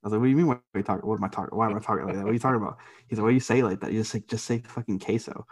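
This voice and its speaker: A young man on a podcast tells a rambling story in casual chat, with lots of swearing and quick laughs. His voice sits fairly low and comes out husky, and he rushes through his sentences. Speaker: podcast co-host.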